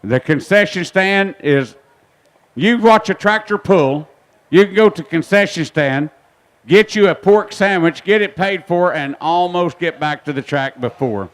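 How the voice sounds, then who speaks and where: A man's voice: high voice, a little slow. A man announcing a tractor pull live, in a folksy manner that repeats phrases for emphasis. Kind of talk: live event commentary over a PA.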